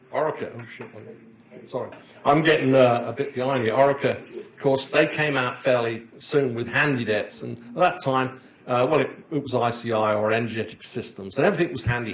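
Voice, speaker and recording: An older conference presenter speaks at a moderate pace in a mid-range voice, meandering from one anecdote to the next and laughing at his own tales. The conference hall gives the recording a roomy echo, with slight background noise.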